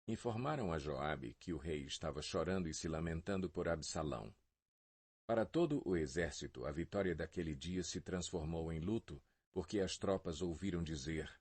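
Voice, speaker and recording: A man reading scripture aloud as narrator in a measured, solemn way. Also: deep voice, darkish tone, slightly rough. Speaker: Bible narrator.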